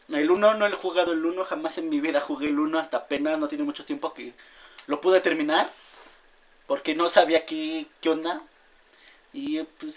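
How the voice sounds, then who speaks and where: A young man giving rambling gameplay commentary, easily distracted and yelling when things go wrong. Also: fairly high pitch. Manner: rambling, easily distracted, shouts at game mishaps. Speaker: gamer. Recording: dull lo-fi audio with loud game music.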